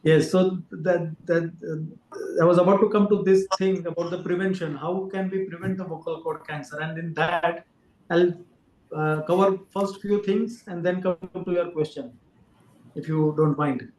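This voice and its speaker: A man, a doctor calmly explaining to an interviewer with frequent fillers. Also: high-pitched, unhurried. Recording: roomy echo.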